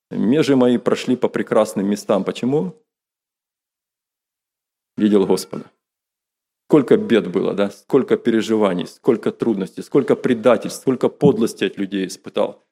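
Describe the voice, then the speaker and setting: A man's voice: on the low side, mellow. A man preaching a sermon earnestly, repeating key phrases for emphasis and asking rhetorical questions. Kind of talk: sermon to a congregation.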